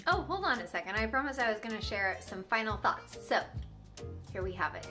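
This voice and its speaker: A woman's voice: on the high side, very animated, fairly quick, pushed and bright, soft background music. Upbeat young woman vlogging in a roomy kitchen. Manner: chatty, upbeat talk to camera. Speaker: host. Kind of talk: casual cooking vlog. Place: home kitchen.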